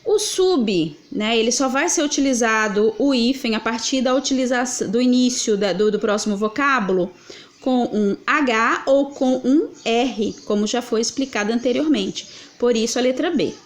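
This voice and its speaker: A woman walks through grammar exercises, patient and methodical, asking questions and answering them herself. Her voice sits a little high for a woman. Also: moderate pace. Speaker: Portuguese teacher.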